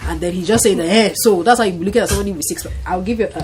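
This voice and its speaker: Fast-talking Nigerian woman. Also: lowish voice, a little hiss or hum, rough recording. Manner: animated storyteller, acts out voices, laughs often. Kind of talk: casual talk-show conversation.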